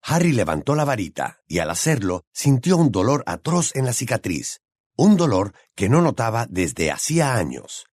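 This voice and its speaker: A man reading a fantasy audiobook aloud in a dramatic, expressive storytelling manner. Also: lowish voice, dry recording, clean studio sound. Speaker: audiobook narrator. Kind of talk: scripted narration.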